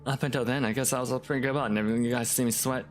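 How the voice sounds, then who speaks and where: A man's voice: medium pitch, steady tone, rapid-fire, soft background music, lightly acted. A man voicing a tough young woman in a game who wryly recounts an embarrassing memory. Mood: rueful.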